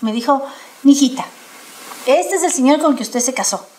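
A middle-aged woman chatting casually on a panel, telling a story in a lively way and often laughing as she talks. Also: high voice, moderate pace, a little hiss or hum. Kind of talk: casual chat.

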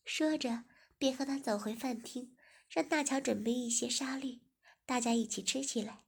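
A woman narrates a story in a slightly high, breathy voice. She reads evenly and unhurriedly, and sometimes slips into a soft whisper. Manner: even, unhurried reading, dropping into a whisper.

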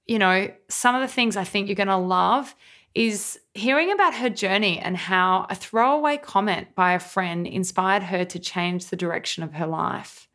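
A woman's voice: mid-range voice, sharp tone. A woman hosting a podcast, introducing and interviewing a guest with enthusiastic praise. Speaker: podcast host.

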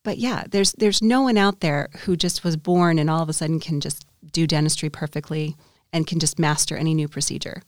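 A woman's voice: low-pitched, fairly even intonation, fairly quick, no room sound, clean studio sound. A woman dentist co-hosting a podcast, talking candidly and reflectively in a casual conversation. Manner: candid, reflective, with small restarts.

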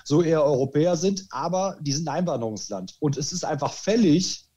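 Animated man, a bit high-pitched. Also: fairly quick, breathy edge. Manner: animated, frequent restarts and filler words. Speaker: podcast host. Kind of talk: casual chat. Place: lives in Spain.

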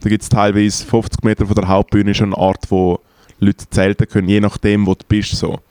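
A man's voice: lowish voice, level tone, brisk, a little mellow, smooth, no echo. A young man with a Swiss German accent telling rambling, slangy stories in casual chat with many fillers. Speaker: podcast co-host.

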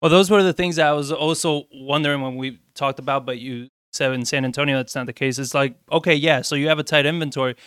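A man's voice: medium pitch, fairly even intonation, fast, few pauses, a bit bright, smooth, no room sound, studio quality. Blunt man explaining in casual chat. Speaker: co-host.

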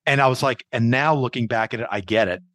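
A man's voice: medium pitch, fast talker, fairly bright tone, no room sound. A man in his forties, a comedian hosting a podcast, telling stories in a laid-back way with many ums and asides. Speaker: podcast host and stand-up comedian. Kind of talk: casual podcast conversation.

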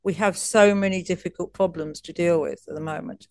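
A woman's voice: on the low side, steady tone, brisk, a little mellow, no room sound. A woman coach as an interview guest, telling stories in a chatty way with frequent restarts and laughs. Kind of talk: casual interview storytelling.

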